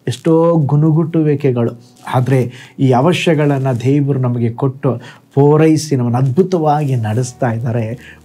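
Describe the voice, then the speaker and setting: A man preaching a short devotional sermon as a pastor, in a measured way. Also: mid-range voice, mellow.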